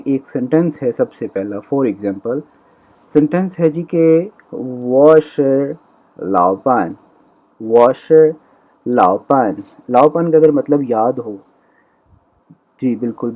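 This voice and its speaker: A male teacher talks through a recorded language lesson, breaking each point into small steps and saying the examples again slowly. His voice is dark and mellow. The sound is a little dull and lo-fi. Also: mid-range voice. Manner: explains step by step, repeating example sentences slowly.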